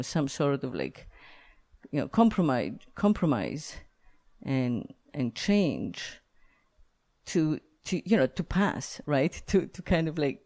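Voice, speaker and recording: A woman's voice: rumbling low, warm tone. A woman from Greece hosting a podcast interview, talking casually with many fillers and laughs. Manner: rambling, frequent fillers and laughs. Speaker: podcast host.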